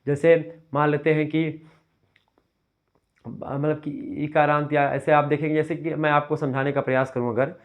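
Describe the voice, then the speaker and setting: A man's voice: on the high side, little pitch movement, normal speed. A man. He explains patiently and repeats key terms. The recording sounds dull and lo-fi. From Uttar Pradesh, India. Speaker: teacher. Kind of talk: exam revision lecture.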